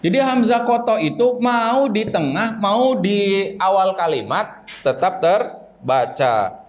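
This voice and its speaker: A man's voice: high-pitched, lively intonation, takes it slowly, poor audio. A man teaching an Arabic grammar lesson to a class, explaining step by step and asking the students questions as he goes.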